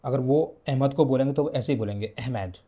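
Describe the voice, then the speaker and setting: A young man runs an exam revision lesson with memory tricks. He speaks at a mid pitch in a mellow, relaxed tone. He goes slowly, repeating key words and drawing out each book title. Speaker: exam coaching teacher.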